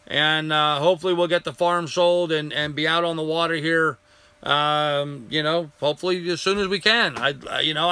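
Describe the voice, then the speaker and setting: An older man with a bright, clear, slightly high voice, now a bit hoarse, hosts a live stream. He rambles amiably, greeting viewers by name while responding to their comments. There's no echo.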